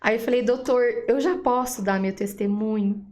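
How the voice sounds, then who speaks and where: A woman with a Brazilian Portuguese accent, a guest giving a personal faith testimony, telling her story in a lively way and acting out the dialogue she quotes. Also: a little high, moderate pace. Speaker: interview guest.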